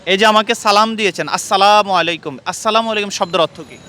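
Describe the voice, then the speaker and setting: Guy doing street quiz interviews, high bright voice, a bit of traffic noise behind. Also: steady tone, racing. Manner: earnest, quizzing and lecturing passers-by. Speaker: street interviewer and channel host. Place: outdoors on a busy street.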